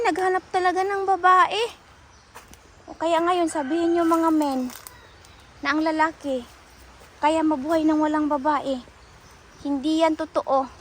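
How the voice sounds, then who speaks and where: A woman vlogging outdoors by the sea, chatty and playful. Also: high voice. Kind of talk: casual outdoor vlog. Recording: loud waves and outdoor noise. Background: sea waves.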